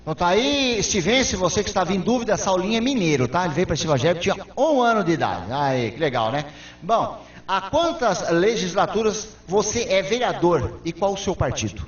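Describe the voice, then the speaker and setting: A man hosting a local TV interview, asking questions in an upbeat, brisk way. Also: high voice, very animated. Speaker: TV interviewer host. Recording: roomy, distant, dull lo-fi sound.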